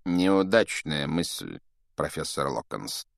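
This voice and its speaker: Man reading a story doing a low, slow, sneery creepy teacher, quiet and icy. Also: big pitch swings, creaky, dry recording, clean studio sound, full character voice. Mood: sneering. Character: cold sinister male wizard teacher.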